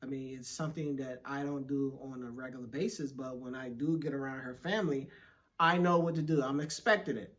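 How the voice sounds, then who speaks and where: Young man, slangy and joking, animated storyteller, casual couples chat. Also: mid-range voice, brisk. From Washington, D.C. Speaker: co-host.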